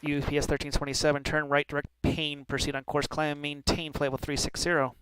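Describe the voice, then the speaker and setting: A man's voice: a little high, monotone, fairly quick, a bit bright, rough recording. A man working as an air traffic controller, giving clipped formal instructions with occasional informal asides. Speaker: air traffic controller in online flight simulation.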